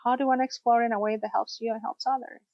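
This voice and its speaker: Higher female voice from Costa Rica, therapist guest, dry muffled podcast sound. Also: steady tone, very fast, darkish tone, no room sound. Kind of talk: podcast interview. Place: studio, in person.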